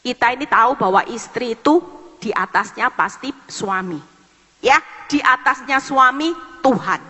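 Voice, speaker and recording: A woman evangelist preaching a sermon, emphatic, calling her listeners "saudara" and dropping into soft asides. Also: on the high side, normal speed, big-room sound.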